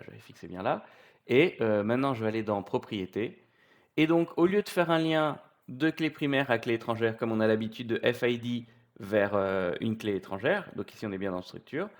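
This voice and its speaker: A man of middle pitch walks through a software tutorial off the cuff, pausing often with fillers and restarting his sentences. His delivery is relaxed and explanatory, recorded on a computer mic while he works on screen. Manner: hesitant, many fillers and restarts.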